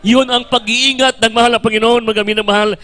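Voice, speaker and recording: A man's voice: flat delivery, fairly quick. A man with a Filipino accent preaching a storytelling sermon, calling the congregation by a loving address in nearly every line. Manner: emphatic storytelling sermon, shifting between loud and low.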